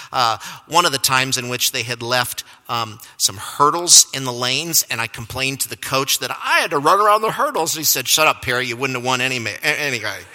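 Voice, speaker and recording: A man's voice: mid-range voice, sharp tone. A man preaching a sermon, telling a self-deprecating personal story and chuckling at himself. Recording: long reverb of a large hall.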